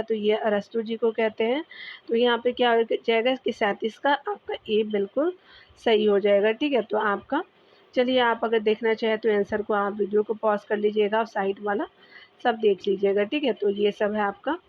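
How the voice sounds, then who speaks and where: Woman teacher reading quiz answers. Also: a little high. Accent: Bihari Hindi. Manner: steady, repetitive, addresses viewers as dear. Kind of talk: exam quiz answer walkthrough. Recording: dull lo-fi recording.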